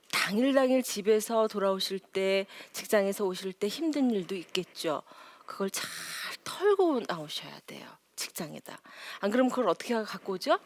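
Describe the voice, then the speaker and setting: A woman giving a lively parenting lecture, acting out quotes in high voices and dropping to near whispers for emphasis. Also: dry recording. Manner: animated, acts out quotes in high voices, laughs often. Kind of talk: lively lecture to a live audience.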